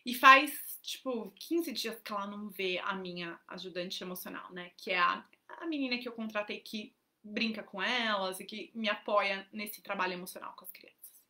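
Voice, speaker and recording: A woman's voice: mid-range voice, moderate pace, bright, forceful tone. A woman, mother and parenting educator, chatting casually on a livestream and telling stories with lots of fillers. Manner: chatty storytelling, many fillers like "né" and "então". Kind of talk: casual live talk.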